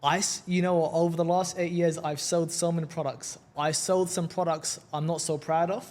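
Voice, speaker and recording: On the high side with little pitch movement, his slightly mellow voice keeps a moderate pace. He's a London-accented guest from England on a casual podcast, upbeat and chatty, and he often repeats words when beginning a sentence.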